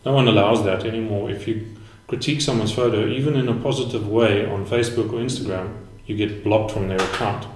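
Thirties male panel guest, candid and relaxed, set back from an echoey mic. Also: fairly low pitch, fairly quick, hardly any pauses, slight background noise. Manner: frank, casual, laughs easily. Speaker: guest photographer. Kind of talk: live panel discussion. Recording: roomy echo, distant mic.

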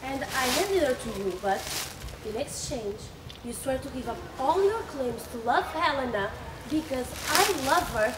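A woman's voice: high voice, animated, normal speed, very noisy. Lysander, a woman playing a cold young lover. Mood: earnest. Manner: blunt, dismissive. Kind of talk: outdoor stage acting.

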